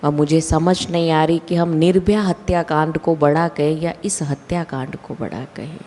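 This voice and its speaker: A woman giving a slow, deliberate spiritual talk with emphatic rises in her voice. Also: low voice, fairly even intonation, mellow, slight background noise. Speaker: spiritual speaker. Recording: long hall reverb.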